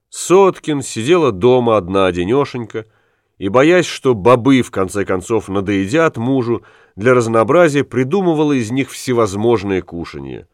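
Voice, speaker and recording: Low-voiced man narrating a classic novel. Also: dry recording, clean studio sound. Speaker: audiobook narrator. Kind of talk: scripted literary narration.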